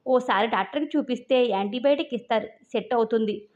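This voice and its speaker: A woman voicing a worried middle-aged mother who speaks briskly to her son-in-law. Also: a little high, close to an everyday voice. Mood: concerned. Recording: dull lo-fi recording.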